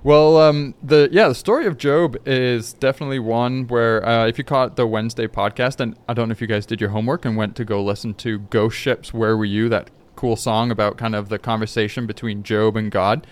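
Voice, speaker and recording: A man's voice: mid-range voice, steady tone, a little fast, few pauses. A man hosting a church podcast, upbeat and agreeable, steering a casual Bible chat. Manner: upbeat, agreeable, laughs easily. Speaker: podcast host. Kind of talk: casual chat about Scripture.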